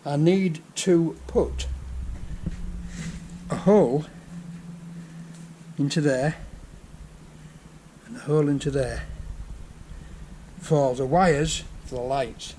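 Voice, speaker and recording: A man's voice: on the high side, slow, pauses often, mellow, poor audio. Chatty Yorkshire man in his workshop. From England. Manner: chatty, explains each job step by step. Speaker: vlogger restoring a tractor. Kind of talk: casual workshop narration. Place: home workshop. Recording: faint background noise.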